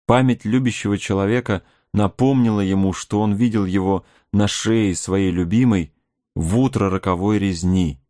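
A man narrating a novel aloud, in a measured, even reading style. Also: on the low side, no room sound, studio quality. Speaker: audiobook reader. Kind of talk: storybook narration.

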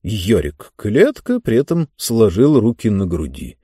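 A man reading a fairy tale aloud as the narrator, in an expressive reading style. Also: unhurried, breathy edge, no echo, clean studio sound. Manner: expressive reading with wide pitch swings. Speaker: audiobook narrator. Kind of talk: scripted narration.

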